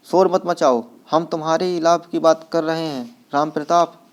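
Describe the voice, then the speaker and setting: Male reader as anxious older mother, pleading, slightly high voice. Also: fairly even intonation, moderate pace, lightly acted. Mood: worried.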